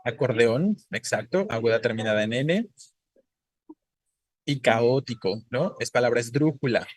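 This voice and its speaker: A man's voice: mid-range voice, expressive, unhurried, no room sound. A man teaching a grammar class, explaining patiently and often checking in with his students with short tag questions. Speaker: Spanish teacher. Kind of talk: online class lecture.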